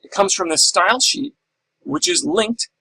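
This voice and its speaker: Man, middle-aged, instructor, recorded lecture, bright edgy tone, husky, explains step by step. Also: extremely high pitch, very animated, unhurried, low-quality recording. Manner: explanatory, asks and answers his own questions.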